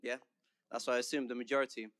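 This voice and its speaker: A young man with a London English accent gives a senior commencement speech. He is chatty and joking, and his voice is smooth and resonant. The sound is dry, with little room echo. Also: mid-range voice, level tone, racing, fairly bright tone. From London, England. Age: young adult. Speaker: senior class speaker.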